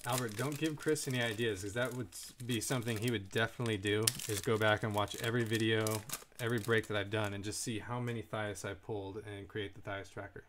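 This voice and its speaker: A man's voice: fairly low pitch, steady tone, brisk, a bit bright, a little hiss or hum. A man hosting a casual live card break, reading out card names and chatting with viewers.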